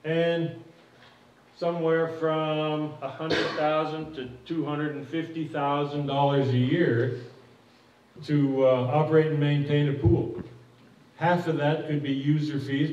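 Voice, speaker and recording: An older man, acting as project manager, gives an informal presentation with audience questions at a public meeting, folksy and plainspoken and often restarting his phrases. His voice is a little high and slow, fairly even, with a darkish tone and slight background noise. He stands on a curtained hall stage, picked up by a distant podium mic in an echoey room that makes the sound dull.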